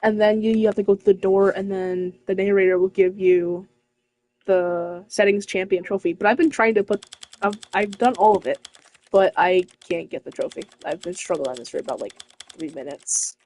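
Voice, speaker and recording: A woman's voice: medium pitch, moderate pace, a little mellow, slight background noise. A woman giving casual, swearing commentary while streaming a game.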